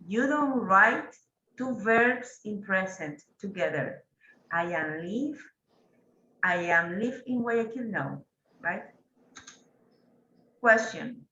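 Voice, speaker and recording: A woman's voice: medium pitch, expressive, slow, long pauses, sharp tone, echoey room, highs cut off, slight background noise. A woman, teaching an English grammar class and patiently prompting students. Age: 40s.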